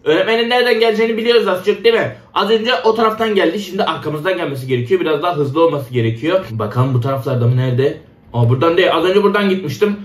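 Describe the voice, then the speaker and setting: A man hosting a game channel with excited commentary, talking straight to his viewers, often laughing and exclaiming, slightly ill with a rough edge to his voice. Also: high voice, reverberant. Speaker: gaming channel host.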